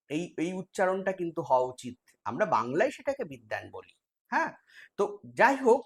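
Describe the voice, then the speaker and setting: A man with a West Bengal accent teaching a live online exam-prep class, explaining step by step and quizzing his students. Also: high-pitched.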